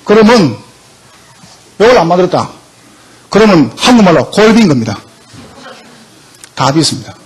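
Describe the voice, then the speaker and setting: High-pitched preaching man, husky. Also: sing-song, moderate pace, pauses often. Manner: emphatic, asks the congregation questions. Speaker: pastor. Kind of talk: sermon.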